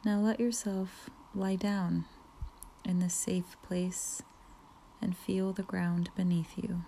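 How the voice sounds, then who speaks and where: A woman leading a guided relaxation meditation, speaking softly with frequent whispered phrases and long pauses. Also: lowish voice, flat delivery, creaky, slight background noise. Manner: slow, soft, partly whispered, soothing pauses.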